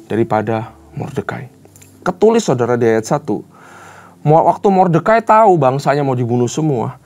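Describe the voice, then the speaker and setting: A man's voice: mid-range voice, darkish tone. Emphatic male preacher. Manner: emphatic, rhetorical questions, addresses listeners as saudara, mixes in English phrases. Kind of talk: sermon. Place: church.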